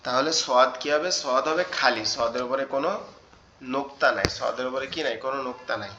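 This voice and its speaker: A man leads an online class on Arabic letters, speaking in a bright, forward voice. He repeats each sound several times and keeps checking in with the students. The call audio is dull and muffled. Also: medium pitch, a little fast, a little hiss or hum. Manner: patient, repeats sounds and asks the class questions. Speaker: Quran teacher.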